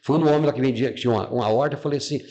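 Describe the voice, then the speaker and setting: A man's voice: medium pitch, very fast, mellow. A man giving a personal testimony as a podcast guest, telling a life story with feeling, repeating words and acting out the people he quotes.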